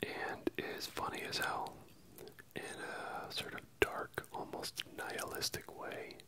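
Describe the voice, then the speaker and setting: A close-up ASMR whisper, bright and airy, moves from ear to ear. The speaker chats casually about films in an unhurried, hesitant way, pausing between phrases. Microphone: close stereo microphone, ear-to-ear panning.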